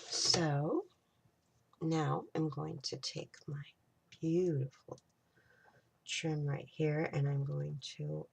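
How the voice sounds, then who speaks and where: A woman's voice: sits low, vocal fry, a little mellow, a little hiss or hum. A woman hosting a casual crafting tutorial, chatting and thinking aloud as she works, sometimes dropping to a whisper.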